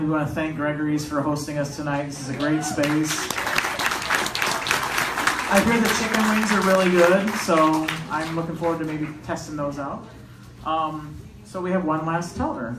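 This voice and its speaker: A woman hosting a live storytelling event, introducing the next speaker in a casual, chatty way. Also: deep voice. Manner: casual, chatty, self-correcting. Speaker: event host. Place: restaurant venue with an audience. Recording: echoey room, distant mic, noisy crowd.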